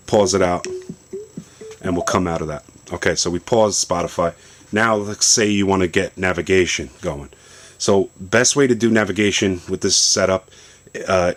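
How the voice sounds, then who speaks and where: Deep-voiced male tech vlogger, easygoing explainer, talking through a gadget demo at home. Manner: relaxed, explanatory, loosely rambling. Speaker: tech vlogger demonstrating a phone setup. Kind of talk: casual product demo. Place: home basement.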